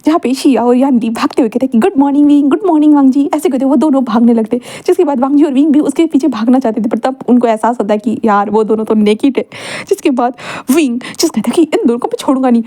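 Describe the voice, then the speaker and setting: A young woman tells a romance story at a brisk clip, voicing the dialogue herself and slipping English words into her sentences. Her voice sits a little high yet sounds mellow and soft-edged, with easy fillers and restarts along the way. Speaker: fan fiction narrator. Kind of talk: casual storytelling narration with dialogue.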